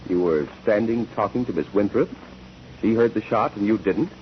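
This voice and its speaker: An actor in 1940s radio style plays a methodical male courtroom examiner, questioning in a formal, probing, brisk way. His voice is fairly low at normal speed and lightly acted, and the recording is dull and noisy, typical of 1940s radio.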